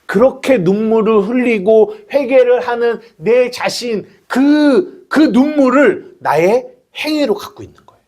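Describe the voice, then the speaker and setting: A man's voice: very high-pitched, expressive, a little slow, a little mellow. A male pastor preaching a sermon, acting out prayers and imagined dialogue as he explains his point.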